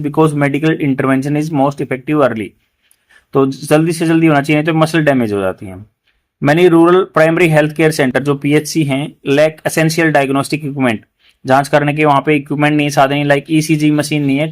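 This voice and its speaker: A man with a slightly high voice and an Indian English accent teaches English vocabulary. He explains word meanings in Hindi in a steady classroom manner. He slows right down whenever he reads an English sentence aloud. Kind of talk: newspaper reading lesson.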